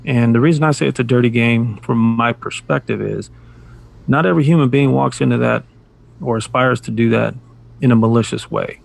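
Male podcast co-host with a gravelly, husky voice, dry sarcasm and halting, rambling delivery. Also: medium pitch, dry recording. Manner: sarcastic, rambling with frequent restarts. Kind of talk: casual podcast chat.

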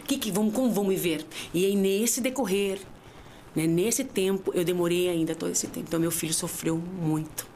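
A woman's voice: a little fast, warm tone, a little hiss or hum. Woman giving a tearful faith testimony. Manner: heartfelt, swings from low murmurs to high emphatic cries. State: tearful at times. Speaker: podcast guest.

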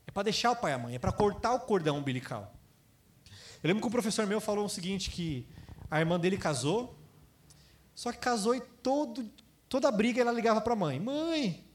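Brazilian pastor guy preaching, pretty high voice, lively, does little voices for the people he quotes. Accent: Brazilian Portuguese. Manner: lively, acts out quoted voices and asks the audience questions. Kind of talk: sermon to a congregation.

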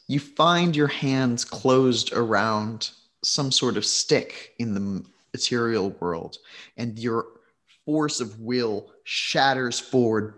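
A man's voice: medium pitch, a bit bright. A man acting as game master, narrating a tabletop role-playing game. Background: faint plucked guitar music.

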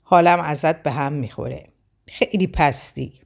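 A woman's voice: low-pitched, vocal fry. A woman voicing a jealous, scornful young woman in a storybook reading, with a sneering, mocking delivery. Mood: bitter.

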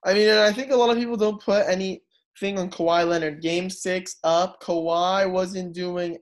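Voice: medium pitch, steady tone, moderate pace. A co-host in a casual sports chat, earnest and opinionated, speaking plainly.

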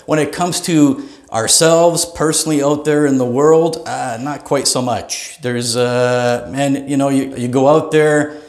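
A man's voice: mid-range voice, fairly even intonation, a little slow, darkish tone, echoey room. A man hosting a comedy podcast, ranting in a profane, rambling way with laughing asides, recorded in a small private studio. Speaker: podcast host. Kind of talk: comedic rant.

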